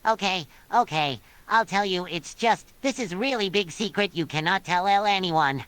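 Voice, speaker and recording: A woman's voice: mid-range voice, moderate pace, smooth, dry recording. A text-to-speech woman's voice reading the lines of a nervous, secretive young male cartoon sea sponge. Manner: jittery, secretive, flat machine reading. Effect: synthetic text-to-speech voice. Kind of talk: text-to-speech chatbot reply.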